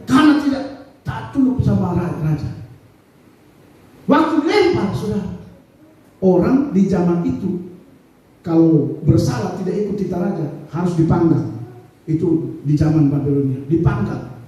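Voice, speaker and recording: High-voiced preacher in an echoey church. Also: male voice. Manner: animated storytelling, acting out scenes. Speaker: pastor. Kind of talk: sermon. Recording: echoey church hall, distant mic.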